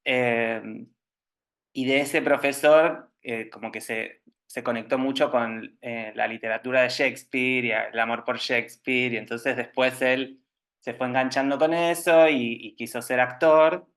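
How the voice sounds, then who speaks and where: A man with an Argentine Spanish accent, a teacher giving an informal storytelling lecture, talking in a relaxed way with tag questions and frequent restarts, over a video call from home. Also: mid-range voice, measured pace. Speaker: Alexander Technique teacher giving a talk. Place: at home with a cat nearby.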